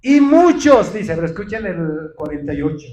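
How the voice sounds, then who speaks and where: A man's voice: fairly high pitch, big pitch swings, moderate pace, darkish tone, roomy sound, dull audio. A male pastor preaching a sermon with emphasis, often calling out to his listeners and answering his own questions. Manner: emphatic preaching, often addresses the congregation as brothers; asks questions and answers them himself. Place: church.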